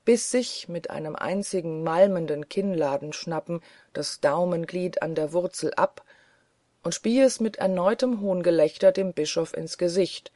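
Audiobook reader narrating a dark tale. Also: medium pitch, no room sound. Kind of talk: scripted literary narration.

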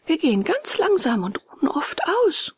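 A woman's voice: high voice, big pitch swings, moderate pace, no room sound, voice pushed up. A woman voicing an earnest, remorseful wooden puppet boy in a storybook, talking eagerly and pleading.

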